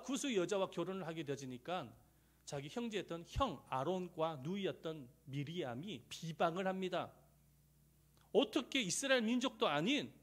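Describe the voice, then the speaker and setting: A middle-aged male pastor preaching a sermon, swinging between loud rises and soft near-whispers, and acting out quoted voices. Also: sits high. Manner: acts out quoted voices in dialogue.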